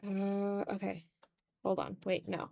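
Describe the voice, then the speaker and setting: Slow and level, her mid-range voice has a gravelly, darkish quality on a dry, lo-fi recording. She's a twenty-something art streamer chatting casually from home, muttering to herself as she draws, knocking herself down and swearing casually.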